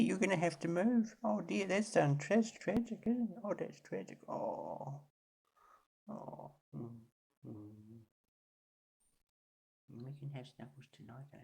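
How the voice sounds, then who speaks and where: Woman, 40s, casual home vlogger; low voice that swings wide, rambling, coos at a cat. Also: gravelly, warm tone. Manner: coos in high sing-song baby talk to a cat; meandering, chatty, talks to herself. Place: home, on a swivel chair by a sofa.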